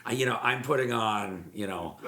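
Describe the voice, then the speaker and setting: Man, very deep voice, mortgage broker guest, animated storyteller, roomy echo. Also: moderate pace, a crowd in the background. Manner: animated storyteller, repeats words, acts out quotes. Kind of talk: storytelling interview chat.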